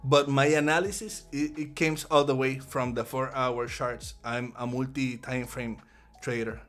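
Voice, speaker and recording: Puerto Rican man, mid-range voice, relaxed live-stream trading commentary with faint music behind. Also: medium pitch, unhurried. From Puerto Rico. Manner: casual, repeats words often while thinking aloud.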